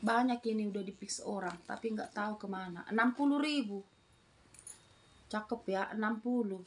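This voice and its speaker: Her medium-pitched voice moves at a moderate pace against a noisy background. She is a middle-aged woman from Indonesia selling secondhand bags online, casually repeating items and prices in live-selling patter from a small indoor room.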